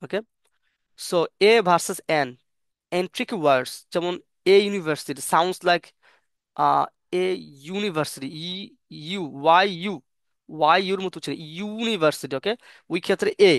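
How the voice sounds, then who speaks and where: A man giving a casual English grammar lesson, reading examples slowly and explaining quickly, with many fillers and restarts. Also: high voice, a bit bright, clean tone, no echo, studio quality. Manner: mixes Bengali and English, reads examples slowly then explains fast. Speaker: English teacher.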